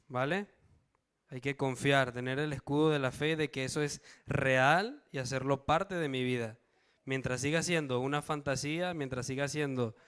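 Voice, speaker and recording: A man with a medium-pitched, fairly bright voice, clear and resonant, preaches to a church congregation in a Bible study sermon. He reads verses aloud, asks the congregation questions and checks in with them.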